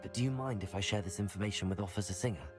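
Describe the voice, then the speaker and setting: An actor playing a determined young male student wizard in a video game, calm and earnest. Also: deep voice, very fast, over music, close to an everyday voice.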